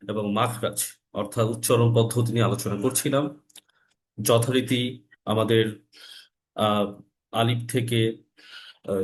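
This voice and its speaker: A man teaching Quran recitation in an online class, explaining letter sounds and repeating them slowly for learners. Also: mid-range voice, low-quality recording. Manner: slow, drawn-out recitation. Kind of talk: online lesson, slow and explanatory.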